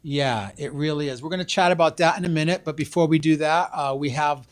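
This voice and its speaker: A man's voice: a little high, fairly quick. A man hosting a live local TV show, rambling casually with many fillers. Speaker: host.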